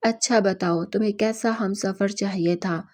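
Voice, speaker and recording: A woman doing a gentle young husband. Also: mid-range voice, steady tone, natural voice.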